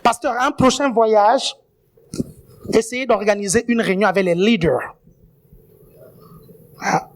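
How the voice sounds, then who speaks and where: A guest preacher giving a sermon, often checking in with the congregation and adding playful asides. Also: mid-range voice.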